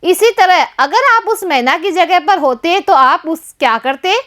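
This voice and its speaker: Slow, high-voiced woman teacher. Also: animated, a bit bright. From Rajasthan, India. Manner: addresses pupils repeatedly, stresses syllables slowly and deliberately. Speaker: primary school Hindi teacher. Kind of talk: classroom lesson for young children.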